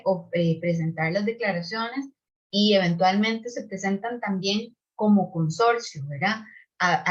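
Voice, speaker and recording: Woman presenting a webinar. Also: mid-range voice. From Costa Rica. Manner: explanatory, frequent tag questions and restarts. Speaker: webinar presenter on public procurement. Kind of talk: online webinar lecture with audience questions. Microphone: video call microphone. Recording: slightly dull video call audio.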